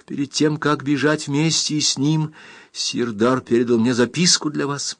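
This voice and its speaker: A man's voice: mid-range voice, steady tone, measured pace, a bit bright, pitched above the performer's own voice. A man reading aloud, voicing a brave young woman with a raised, urgent, pleading voice in an audiobook. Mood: earnest.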